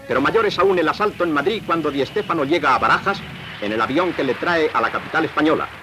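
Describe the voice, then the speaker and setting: A man's voice: on the high side, animated, fast talker. A man giving formal, declamatory narration on an old 1960s newsreel soundtrack. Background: music.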